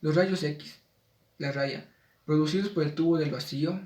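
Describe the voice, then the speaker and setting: A man reads out a spelling lesson in a measured way and slows down for the example words. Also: on the high side, darkish tone, far from the mic. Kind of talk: reading a spelling lesson aloud. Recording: echoey room, voice off-mic.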